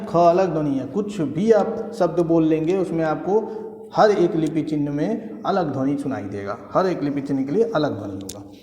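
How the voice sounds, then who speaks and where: A man teaching an exam-prep grammar lesson, explaining step by step, repeating key phrases and often asking his listeners whether it is clear. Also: fairly high pitch, warm tone. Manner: explains step by step with frequent checking questions. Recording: echoey room with long reverb.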